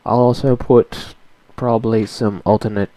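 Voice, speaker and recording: A man's voice: lowish voice, steady tone, moderate pace, dark tone, dry recording, low-quality recording. A young Australian man vlogging from home, rambling and self-mocking. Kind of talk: casual chat.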